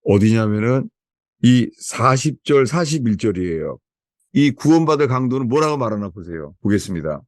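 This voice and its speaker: A man's voice: mid-range voice, very animated, moderate pace, no echo, studio quality. A man preaching a sermon as pastor to a small house-church gathering, emphatic and asking the listeners rhetorical questions.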